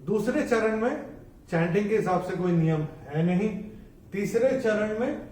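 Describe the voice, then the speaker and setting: Slow, high-voiced man teaching chanting. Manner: measured explaining, breaking into slow, louder chanted verses. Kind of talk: bilingual tutorial on chanting verses. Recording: echoey room, voice from a distance off the mic.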